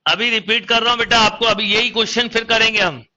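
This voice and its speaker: A man's voice: high voice, steady tone, quick pace, pushed and bright, muffled recording. A young man with a Hindi accent teaching math in an online coaching lecture, calling students "beta" and counting through each step aloud. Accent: Indian Hindi.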